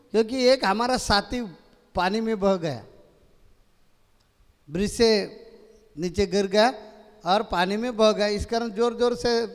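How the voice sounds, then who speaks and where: A man giving a devotional discourse, telling a parable in a slow, halting, repetitive way. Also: sits high, in a large hall. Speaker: spiritual storyteller.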